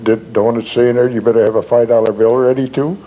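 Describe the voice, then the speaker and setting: A man's voice: mid-range voice, flat delivery, fast talker, dark tone, highs cut off, slight background noise. An older man reminiscing as a guest in a casual chat, making blunt, earthy remarks.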